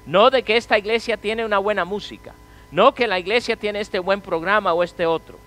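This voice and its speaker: A man preaching a sermon as pastor, asking the congregation rhetorical questions and swinging from loud to quiet. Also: high-pitched, rough recording.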